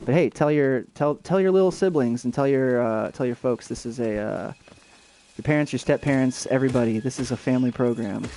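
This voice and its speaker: A man's voice: mid-range voice, brisk, warm tone. A young adult man streaming a video game, chatting casually and rambling with lots of fillers and restarts. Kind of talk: casual let's-play chat.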